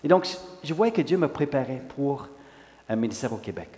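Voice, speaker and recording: A pastor in his sixties from Western Canada, a native English speaker, gives an animated sermon testimony that rises in emphasis and is full of "là" fillers. His mid-range voice is brisk, and the recording carries long hall reverb.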